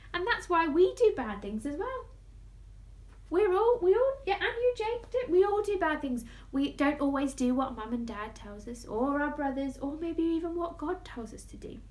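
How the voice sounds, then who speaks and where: A woman's voice: high voice, darkish tone. A woman hosting story time for children, talking in an overbright, playful way like a kids' party host.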